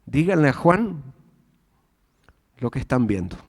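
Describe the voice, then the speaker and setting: An Argentine man voicing Jesus as a calm, gentle grown man, speaking softly, in a sermon. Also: mid-range voice, a little slow. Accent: Argentine Spanish. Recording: church hall reverb with faint music.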